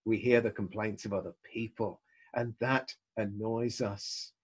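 A man's voice: fairly low pitch, fairly even intonation, unhurried, slightly rough, low-quality recording. A middle-aged man preaching a recorded sermon as a pastor, earnest with wry asides.

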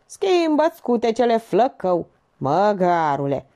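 A woman's voice: on the high side, big pitch swings, dark tone, pitched above the performer's own voice. A woman voicing a sarcastic, crude young man who mocks the others. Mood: mocking. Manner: sarcastic, mocking.

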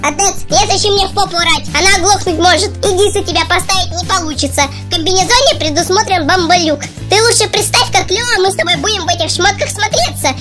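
A performer voicing a cheeky, boastful young talking husky as a childlike, playful cartoon dog. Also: very high-pitched, fast talker, hardly any pauses. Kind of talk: scripted cartoon dog voice-over. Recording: loud music behind. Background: children's music.

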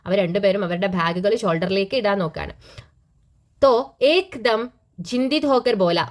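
Woman teacher quizzing herself aloud. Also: mid-range voice. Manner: asks herself questions and answers them; reads lines slowly, then explains them. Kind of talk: explaining a school reading lesson.

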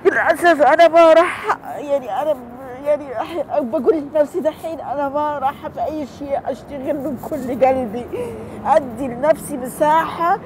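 Tearful woman venting fast. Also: sits high, background noise. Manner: tearful, pleading, repeats herself. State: crying. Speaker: livestreamer. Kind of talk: emotional livestream venting. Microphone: phone.

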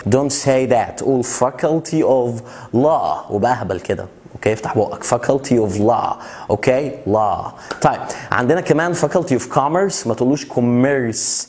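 Egyptian guy teaching english vocab, mid voice, jokey, drags out the english words slow so u can repeat. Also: medium pitch, darkish tone. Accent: Egyptian Arabic. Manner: slows down and stretches out English words to drill pronunciation; joking, chatty asides. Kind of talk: casual video lesson explaining vocabulary.

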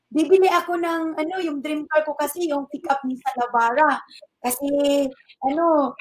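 A woman's voice: high-pitched, normal speed. A middle-aged woman telling her own story as a testimony, politely and with animation, acting out what others said. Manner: animated retelling that acts out quoted dialogue; polite, uses respectful particles. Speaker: network marketing member giving a testimony. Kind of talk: personal storytelling.

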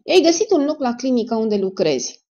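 A stern male security major, as a woman reader voices him, pressing a suspect coldly and with sarcasm. The voice sits higher and louder than her narration, with a mellow, dark tone. The recording is dull and lo-fi. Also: big pitch swings.

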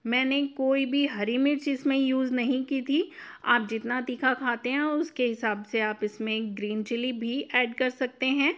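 Female cooking host, fairly high and crisp, instructive recipe voice-over. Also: fairly even intonation, unhurried, fairly bright tone. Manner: clear step-by-step instructive.

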